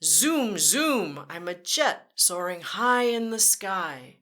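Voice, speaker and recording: At a read-aloud storytime, a woman speaks to children directly, reading a picture book sing-song style with playful vehicle sound effects. Her voice runs on the low side but fairly bright, with big pitch swings, and she takes it slowly.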